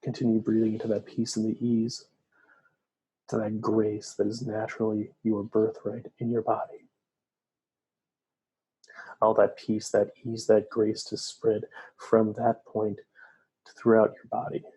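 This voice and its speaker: A man guiding a breathing meditation, giving slow, soft, soothing instructions. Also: on the low side, monotone, husky, rough recording. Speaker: meditation guide.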